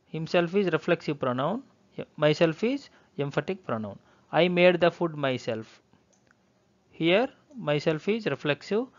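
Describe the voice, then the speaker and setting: Indian english guy teaching grammar, kinda high voice, repeats himself a lot, muffled lo-fi audio. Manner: repetitive, says "okay" often, restates points. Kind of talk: explaining grammar lesson. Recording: dull lo-fi recording.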